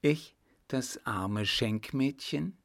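A man's voice: mid-range voice, very slow, gravelly, no room sound, studio quality, full character voice. A man reading the pleading lines of a poor young tavern girl in an audiobook. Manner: soft, pleading.

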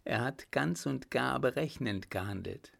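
A man reading an audiobook, voicing a calm, coldly vengeful young woman. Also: medium pitch, gravelly, exaggerated voice. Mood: cold resolve. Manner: calm, hard, measured. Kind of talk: audiobook character voice.

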